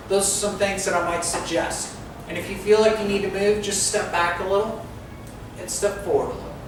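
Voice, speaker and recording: Speaking directly to his listeners in a coaching, instructive tone, a man delivers a club talk as a presentation to an audience. His voice sits high. The sound comes from far off in an echoey hall, with heavy echo and clear background noise.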